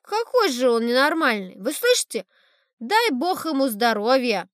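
A woman's voice: high-pitched, sing-song, moderate pace, dry recording, studio quality. A woman reading a storybook voices a rambling, wistful old sailor who talks in a confiding way. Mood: teasing. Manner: rambling, confiding, calls the boy "brother".

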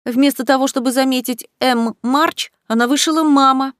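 A woman reading aloud, voicing an outspoken teenage girl who talks briskly and exclaims. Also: high voice, steady tone, smooth, no room sound, clean studio sound, voice pushed up, lightly acted. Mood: lively.

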